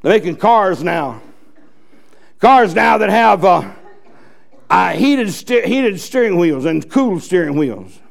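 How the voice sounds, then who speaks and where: Man preaching, high voice, gravelly, fiery, folksy, shouting at times. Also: expressive, slow, long pauses. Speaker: pastor. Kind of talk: sermon.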